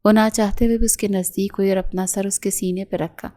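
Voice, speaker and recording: A woman reading a romance novel as a voice-over, in a steady, even storytelling manner. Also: medium pitch. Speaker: narrator.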